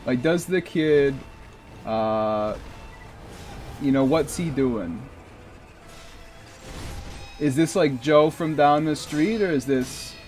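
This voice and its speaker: A man's voice: mid-range voice, darkish tone. A man streaming a video game, rambling in casual commentary and swearing at the boss now and then.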